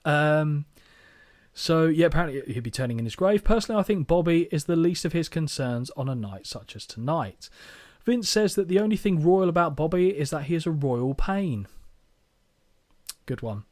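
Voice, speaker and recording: A man co-hosting a casual podcast chat, his voice sitting a little high for a man. He talks in a sarcastic, joking way, drops swear words freely and keeps throwing in asides. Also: animated, moderate pace, a little mellow. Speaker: podcast co-host.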